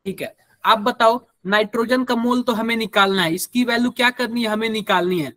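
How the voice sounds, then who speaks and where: A man's voice: extremely high pitch, fairly even intonation, fairly quick, pushed and bright, dry recording. A man with a Hindi accent teaching a live online chemistry class, quizzing students and using everyday examples.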